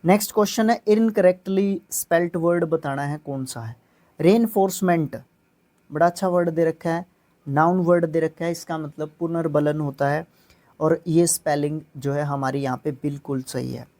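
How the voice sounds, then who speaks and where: A male teacher with a warm, mellow tone runs an exam-prep grammar lesson. He explains each step plainly and keeps checking that his students are following. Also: fairly high pitch, steady tone, moderate pace.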